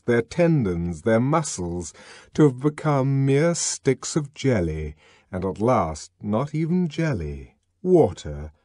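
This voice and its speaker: A man reading a novel aloud at an unhurried pace, his delivery expressive and emphatic. His pitch moves in a lively way through the sentences, and the recording is dry and close-miked. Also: no echo. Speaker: audiobook narrator. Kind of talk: dramatic audiobook reading.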